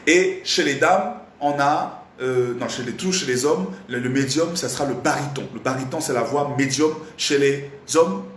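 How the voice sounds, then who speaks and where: A slightly hoarse man teaching a live online singing lesson, animated and repetitive, often stopping to quiz his audience. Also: medium pitch, normal speed, few pauses. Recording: roomy echo, faint background noise.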